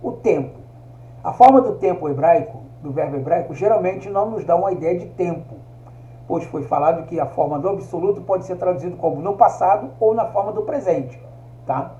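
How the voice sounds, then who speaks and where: A man with a high but mellow voice teaches a recorded lesson, walking through each point patiently and checking in with listeners. He sounds like he's in an echoey room. The recording is dull and lo-fi. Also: lively intonation, brisk. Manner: explanatory, often checks in with "tá?".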